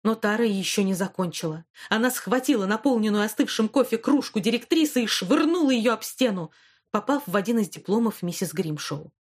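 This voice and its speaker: A woman reading a novel aloud, narrating the scene in a steady, mid-pitched voice. Her delivery is even and clear, with quiet expression between the dialogue. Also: fairly quick. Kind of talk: audiobook narration.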